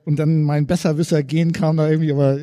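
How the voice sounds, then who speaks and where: A man's voice: fairly high pitch, level tone, fast talker, mellow. A man co-hosting a podcast in casual banter, with a dry, teasing way of talking. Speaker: podcast co-host.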